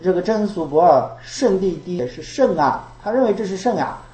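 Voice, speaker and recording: A woman's voice: lowish voice, animated, brisk, warm tone, roomy sound, rough recording. A woman giving a Buddhist dharma talk. She repeats her phrases and asks rhetorical questions. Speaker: Buddhist teacher.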